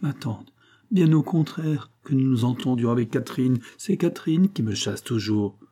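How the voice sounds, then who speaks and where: A man's voice: mid-range voice, expressive, moderate pace, dark tone, natural voice. A man voicing a clumsy sixteen-year-old boy who pleads tearfully with his aunt in a storybook reading. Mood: pleading.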